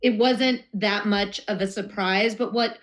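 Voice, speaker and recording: Relaxed woman guest on a podcast. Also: mid-range voice, a little slow. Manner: relaxed, agreeable, short reactions. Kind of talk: casual movie podcast chat.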